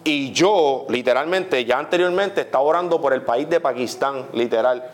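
A young man with a Puerto Rican accent preaching a testimony sermon, animated, often saying "literally" and putting questions to his listeners. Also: mid-range voice, normal speed. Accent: Puerto Rican Spanish.

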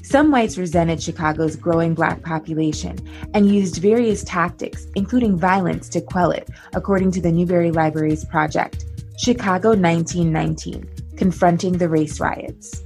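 A woman news presenter reading a scripted report in a measured, even way. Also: fairly low pitch, soft background music.

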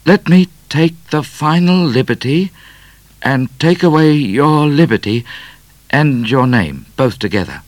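A bashful, simple young suitor, as a man reading aloud puts him on, blurting his words loudly in a raised voice. The sound is close and dry. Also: fairly high pitch, expressive, a little slow, no room sound, pitched above the performer's own voice. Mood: blurting shy. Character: shy, simple, good-natured young man.

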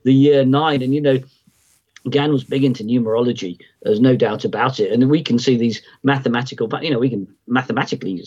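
A man talks as a podcast guest, explaining ideas at length and circling back with plenty of ums and false starts. His voice sits at an ordinary middle pitch. The audio is a little dull and lo-fi, like a remote call. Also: a little mellow. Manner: rambling, many ums and restarts. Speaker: podcast guest, market timing analyst. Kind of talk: conversational explanation.

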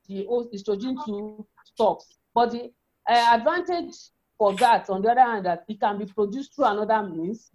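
A woman's voice: mid-range voice, darkish tone. A woman with a feminine voice giving an explanatory health talk as an educator, often repeating and rephrasing her points. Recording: dull, lo-fi sound.

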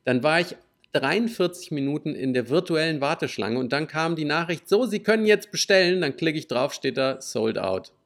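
Gravelly guy chatting, a bit sweary. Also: a little high, moderate pace. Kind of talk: casual chat.

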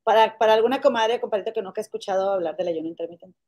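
A woman's voice: mid-range voice, very fast, a little mellow. A woman giving her opinions in a casual gossip chat, repeatedly calling her friend comadre.

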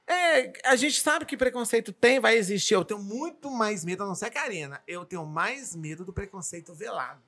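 Fast, bright-voiced Brazilian woman. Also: medium pitch. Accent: Brazilian Portuguese. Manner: lively storyteller, acts out quotes. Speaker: TV presenter. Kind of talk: casual chat.

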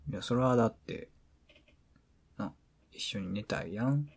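A man with a Kansai accent playing a teasing, affectionate boyfriend at bedtime, in intimate ASMR role-play pillow talk with a soft, breathy voice. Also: fairly low pitch, measured pace. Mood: tender, lonely. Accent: Kansai Japanese. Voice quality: breathy, soft, often dropping into speaks softly. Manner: playful, coaxing, mock-hurt.

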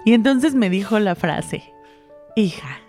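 A woman's voice: mid-range voice, normal speed, faint music behind. Chatty young Mexican woman telling stories. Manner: animated storytelling, laughs often. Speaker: podcast co-host. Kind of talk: casual chat.

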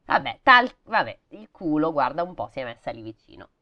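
A woman's voice: sits low, very animated, fairly quick, dull audio. A woman reading a fairy tale aloud, breaking off with sarcastic, swearing comments. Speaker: storybook reader.

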